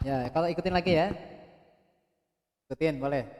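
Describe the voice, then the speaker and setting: A man teaching Quran recitation, drilling throat sounds and joking with imagined students while clearing his throat. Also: fairly high pitch, normal speed, long reverb tail. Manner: drills throat sounds, loud when demonstrating. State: thirsty, clears throat often. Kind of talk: pronunciation lesson with demonstrations.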